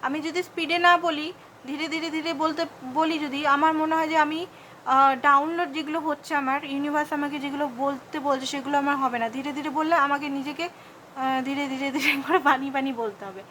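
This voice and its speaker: A woman with a Bengali accent giving a fast, repetitive tarot reading and advice, mixing in English words. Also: sits high, steady tone, a bit bright, slight background noise, poor audio. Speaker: tarot card reader.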